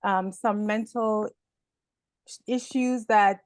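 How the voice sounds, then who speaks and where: A woman's voice: medium pitch, fairly even intonation, takes it slowly, no echo. A woman born in Haiti and raised in Canada, a personal development speaker answering interview questions in a reflective, hesitant way.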